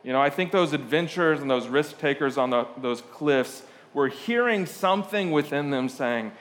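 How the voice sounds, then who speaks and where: A man from Portugal delivers a sermon in a loose, conversational way, full of asides and "uh" fillers. His voice sits slightly high for a man. The sound trails off in the long reverb of a large church hall. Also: animated, moderate pace, a bit bright. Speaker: pastor.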